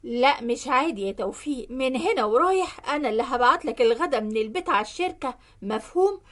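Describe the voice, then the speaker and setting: List: woman acting a possessive Egyptian housewife, high voice, insistent, scolding, storybook. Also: expressive, quick pace. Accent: Egyptian Arabic. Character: jealous, firm middle-aged wife and mother.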